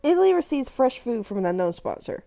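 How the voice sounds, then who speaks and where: A woman's voice: on the high side, big pitch swings, brisk, vocal fry, warm tone. A woman hosting a live game stream, chatting casually and reading game events aloud, giggling often between lines. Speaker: streamer host.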